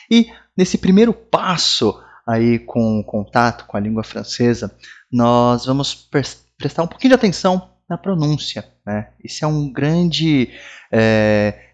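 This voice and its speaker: In a lo-fi recording, a mid-range male voice with a Brazilian Portuguese accent gives a relaxed video lesson on French pronunciation. This friendly Brazilian teacher repeats sounds and keeps ending lines with "né?".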